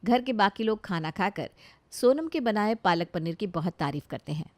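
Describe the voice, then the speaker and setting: A woman's voice: medium pitch, lively intonation, normal speed, a little mellow, dry recording. A woman narrating a bedtime story in a plain, matter-of-fact way.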